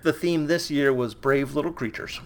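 A podcast co-host explaining things steadily, with a gravelly voice and frequent affirming murmurs. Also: medium pitch, moderate pace, a little hiss or hum. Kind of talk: casual chat.

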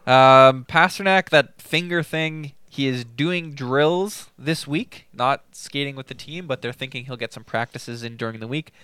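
A man's voice: medium pitch, a little slow, hardly any pauses, sharp tone, clean tone, no echo. A man co-hosting a casual fantasy hockey talk, giving player updates in a matter-of-fact way. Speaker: fantasy hockey podcast co-host. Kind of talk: casual chat.

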